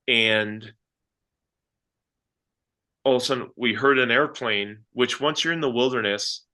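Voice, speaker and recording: Bright-voiced man telling a story. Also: on the low side. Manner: earnest, animated retelling with fillers. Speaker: guest hunter and filmmaker. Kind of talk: reflective storytelling.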